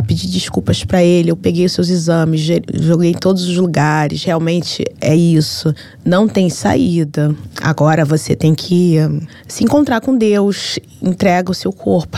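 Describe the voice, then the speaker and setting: A Brazilian woman with a Brazilian accent tells a personal story, earnest, emotional and detailed, halting when things get heavy. Her voice is fairly low and warm, recorded without echo.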